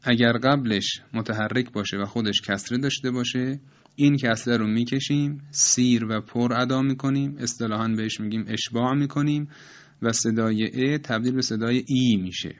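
A man calmly explaining Quran recitation rules step by step, reciting each example slowly and repeating it. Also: mid-range voice, dull audio.

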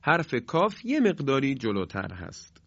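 A man of middle pitch gives a careful pronunciation lesson. He explains slowly and steadily, then voices each example sound with force. The recording is dry and a little muffled. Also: huge pitch swings, fairly bright tone, no room sound. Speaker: teacher of Quranic pronunciation. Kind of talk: instructional explanation with demonstrations.

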